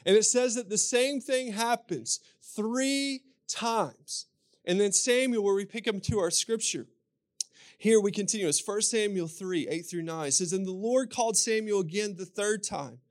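Delivering a sermon built on scripture storytelling, a Kentucky-accented man speaks in a high voice at a moderate pace. As a pastor, he leans on repeated phrases to drive his points home.

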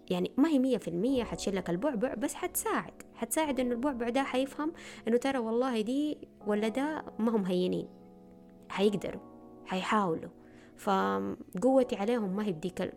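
A woman's voice: medium pitch, a little mellow. A woman giving earnest self-help advice in a casual talk to camera, often repeating words for emphasis.

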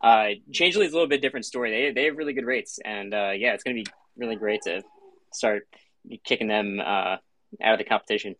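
A man speaking as a panelist in a casual tech discussion, halting and repeating words as he goes. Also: on the low side, fairly bright tone, no echo, poor audio.

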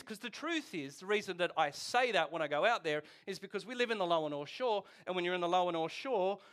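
With a high, bright voice that sounds pushed, a pastor in his forties preaches chattily and jokingly. He frequently puts questions to the congregation throughout the sermon.

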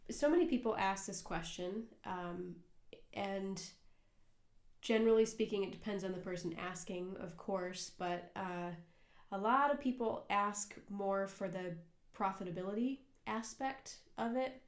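A young adult American woman, a cafe worker who co-hosts a casual podcast, talks earnestly and meanders, with many "um"s, fillers, and restarts. She speaks unhurriedly in an ordinary middle pitch, and the room she records in gives a roomy echo.

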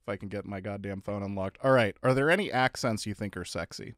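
A man co-hosting a casual podcast, wry and joking, with quick comebacks. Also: lowish voice, fairly bright tone, dry recording, clean studio sound. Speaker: podcast co-host.

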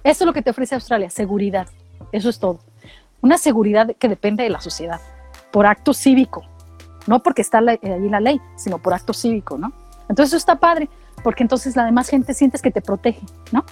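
A middle-aged woman from Mexico with a Mexican accent, telling animated, slangy stories in casual chat and acting out what people said. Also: a little high, brisk, husky, soft background music. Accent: Mexican Spanish. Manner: animated storytelling, slangy, acts out quotes.

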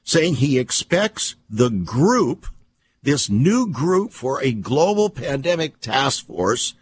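A man hosting a talk program, delivering an emphatic, alarmist and conspiratorial opinion monologue in a deliberate way, with rhetorical questions and repetition. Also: mid-range voice, sing-song, slightly rough, dry recording. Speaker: radio program host.

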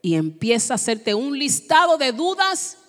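A woman pastor preaching an animated sermon in a church, acting out scenes as she goes. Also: high voice. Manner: animated, acts out scenes with quick voice shifts. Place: church sanctuary. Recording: long reverb in a large hall.

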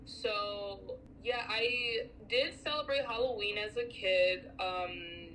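Animated chatty American podcast co-host. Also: female voice, medium pitch, slow pace, a little hiss or hum, poor audio. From United States. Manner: animated, chatty, many fillers. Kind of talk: casual chat.

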